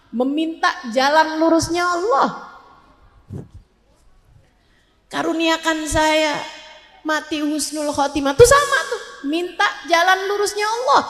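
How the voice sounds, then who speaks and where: High-voiced woman preaching in an echoey hall. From Indonesia. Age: 40s. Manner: emphatic, repeats lines, asks the crowd "betul?". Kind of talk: sermon to a women's gathering.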